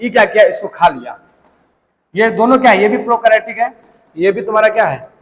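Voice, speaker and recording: A young man with a high, lively voice gives a biology class lecture a little fast, telling a story while posing questions and answering them himself. It sounds like a big room, and the recording is low quality.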